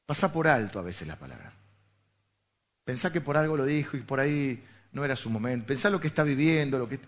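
A man's voice: medium pitch, expressive, a little fast. A man with a Rioplatense Spanish accent, a pastor giving a sermon in a conversational way, full of rhetorical questions. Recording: dull lo-fi recording.

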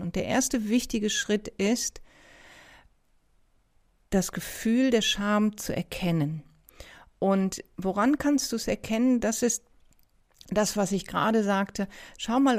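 A woman therapist speaking gently, with many pauses and restarts, asking the listener reflective questions. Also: mid-range voice. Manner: addresses listener directly with questions. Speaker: somatic experiencing therapist. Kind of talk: reflective coaching talk.

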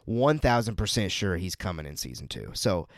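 A man's voice: low-pitched, very animated, moderate pace, no echo, studio quality. A man co-hosting a casual podcast, talking with enthusiasm and often repeating words as he starts a thought. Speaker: podcast co-host.

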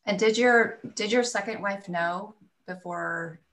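A woman hosting a casual interview, supportive and quick with soft affirming mm-hmms. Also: medium pitch, distant mic, poor audio. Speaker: podcast host. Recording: voice set back from the mic.

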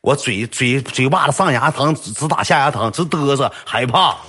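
A man with a Northeastern Mandarin accent telling a comic story on a livestream, animated and colloquial. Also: medium pitch, normal speed, husky. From Northeast China. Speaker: storyteller streamer.

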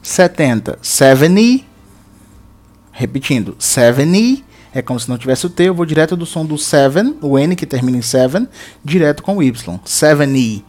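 A man with a fairly high voice gives an English lesson. He is patient and methodical, repeating each word slowly and clearly so learners can follow. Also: expressive, darkish tone, soft background music. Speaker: English teacher. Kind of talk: language lesson.

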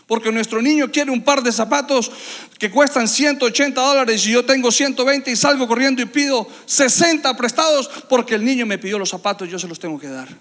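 A man preaching a sermon to his congregation, impassioned and building to loud, repeated emphasis. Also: very high voice. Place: church hall. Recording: long reverb of a church hall.

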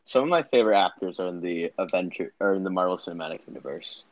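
Fast-talking low-voiced young man. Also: no room sound, highs cut off. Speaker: podcast co-host. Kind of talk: casual chat.

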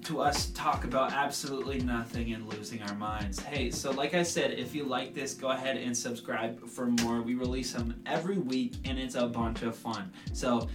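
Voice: mid-range voice, normal speed, hardly any pauses. A podcast co-host in casual, jokey chat, recorded from far off in a roomy space with music behind. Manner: jokey and playful.

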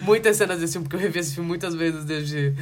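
A man's voice: on the high side, fairly quick. A Brazilian man co-hosting a film podcast, talking in a casual, informal and enthusiastic way. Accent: Brazilian Portuguese.

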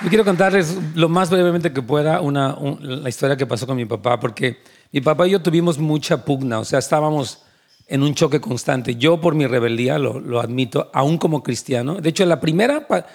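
A man's voice: a little high, fairly quick. A man preaching to young people, telling his own story earnestly and acting out the voices he quotes. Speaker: pastor. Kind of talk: youth sermon with testimony.

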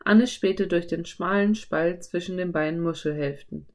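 A woman narrating a children's audiobook in a calm, even storytelling voice. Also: fairly low pitch, moderate pace. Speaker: audiobook reader.

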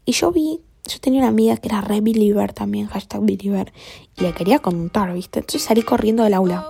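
Gravelly Argentine woman telling a story. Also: mid-range voice, quick pace, dark tone, faint music behind. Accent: Argentine Spanish. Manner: chatty and crude, full of slang, often drops to a whisper. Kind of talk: casual storytime monologue.

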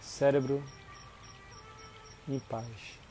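A man with a Brazilian Portuguese accent leads a guided relaxation in a soothing, unhurried manner, leaving long pauses between short phrases. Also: mid-range voice, flat delivery, dark tone, soft background music. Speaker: guided meditation instructor. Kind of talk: guided body-scan relaxation.

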